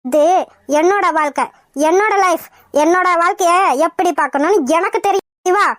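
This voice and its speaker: A woman's voice: very high voice, a little fast, no room sound, clean studio sound. A woman voicing a young widowed doctor in a cartoon, speaking earnestly and defiantly. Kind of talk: cartoon voice acting.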